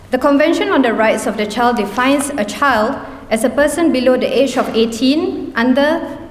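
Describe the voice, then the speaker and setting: A young woman from Singapore delivering a measured, formal debate speech. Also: fairly high pitch. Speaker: debater, prime minister speaker. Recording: roomy hall reverb.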